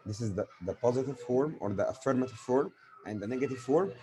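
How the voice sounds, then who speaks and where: In a spoken grammar lesson full of examples, an Egyptian-accented man, a native Arabic speaker, asks questions and answers them himself. He talks quickly and animatedly in a medium-pitched, dark-toned voice.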